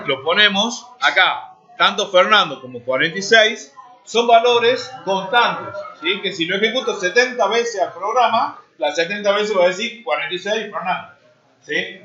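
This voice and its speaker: In a dull, lo-fi classroom recording, a high-pitched man with a sharp tone runs a live coding lesson. He's in his 40s, typing as he talks and checking in with students through questions.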